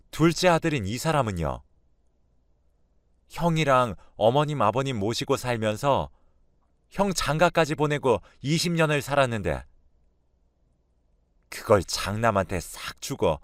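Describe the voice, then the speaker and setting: A man's voice: medium pitch, dry recording, studio quality. A man voicing a middle-aged daughter-in-law who angrily confronts her mother-in-law, talking in a raised, pleading voice in a radio drama.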